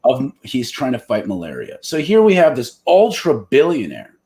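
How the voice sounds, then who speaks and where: A man co-hosts a podcast in relaxed conversation, with a lively voice that rises and falls a lot. He talks bluntly and does not shy away from the odd curse word. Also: mid-range voice, normal speed. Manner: animated and blunt, with occasional swearing. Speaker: podcast co-host. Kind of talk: casual discussion.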